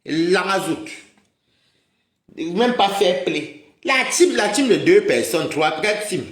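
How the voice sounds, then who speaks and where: A man's voice: sits high, animated, slow, fairly bright tone. Roomy-sounding agitated man ranting. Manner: mocking, scolding, repeatedly addresses viewers as maman. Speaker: livestream host. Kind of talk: heated livestream rant to viewers.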